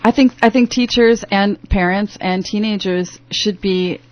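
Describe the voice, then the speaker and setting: A woman's voice: medium pitch, fairly even intonation, measured pace. A woman talking as a radio interview guest in a rambling way with many restarts, heard through a dull AM radio broadcast. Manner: rambling, full of restarts and fillers. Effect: AM radio broadcast sound. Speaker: interview guest, youth program founder.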